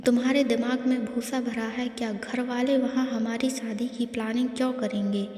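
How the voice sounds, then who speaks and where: A woman voicing a sharp-tongued, proud young woman who talks in a snappy, scolding way, in an echoey room. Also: a little high, steady tone, measured pace, natural voice. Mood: annoyed. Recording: echoey room with long reverb.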